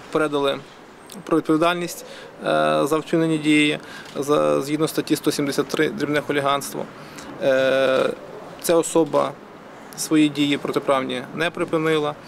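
Police officer, formal and halting, gravelly voice, outdoors with traffic noise. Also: male voice, fairly high pitch, level tone. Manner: measured, formal, many hesitation fillers. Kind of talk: official statement to reporter.

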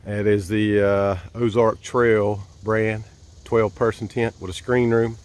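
A man's voice: on the low side, flat delivery, slow pace, darkish tone. A man giving a casual, folksy walkthrough of his campsite and tent, filmed on a handheld camera as he walks. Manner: easygoing, folksy, hesitant with fillers. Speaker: vlogger giving a campsite tour. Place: campsite outdoors and inside a large tent. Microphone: handheld camera mic, filming himself walking.

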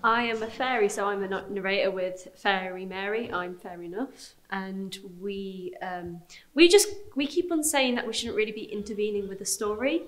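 A woman's voice: medium pitch, moderate pace, poor audio. A young woman, a student performer chatting in an interview, often stumbling and restarting. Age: young adult. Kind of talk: on-camera interview. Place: indoors on a theatre stage set.

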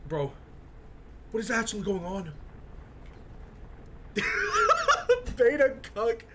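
A live streamer giving excited reaction commentary, yelling, laughing and swearing in bursts. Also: medium pitch, takes it slowly. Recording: steady background noise.

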